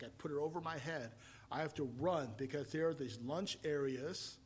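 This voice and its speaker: Here a man from Taiwan, somewhere in his fifties, preaches and shares his own testimony, building to forceful points before easing into soft, thoughtful narration. His voice sits on the high side, and slight background noise can be heard.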